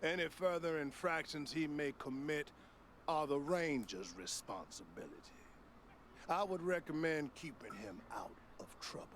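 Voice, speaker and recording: An actor playing a stern, dutiful official in a video game, speaking formally and deliberately. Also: male voice, on the high side, lively intonation, slight background noise, lightly acted. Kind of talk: video game character acting.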